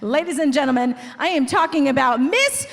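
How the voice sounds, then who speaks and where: A woman hosting a live event, energetic and cheering the crowd on, a little out of breath. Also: sits high, brisk, vocal fry, noisy background. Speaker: event host. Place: large school auditorium with audience. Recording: echoey hall with crowd.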